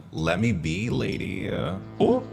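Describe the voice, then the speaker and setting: Music plays behind a man streaming a game through a voice changer, chatting campily and playfully with viewers in casual commentary. His low voice has vocal fry and huge pitch swings, and he takes his time.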